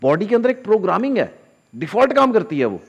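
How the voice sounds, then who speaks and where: A man explains spiritual ideas in a casual, lively lecture to camera. His voice sits a little high and leaps around in pitch. He slips into short asides that play out inner voices. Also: fast talker, gravelly, slightly rough, dull audio. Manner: animated, acts out inner voices with sudden drops in pitch and loudness. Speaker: spiritual teacher.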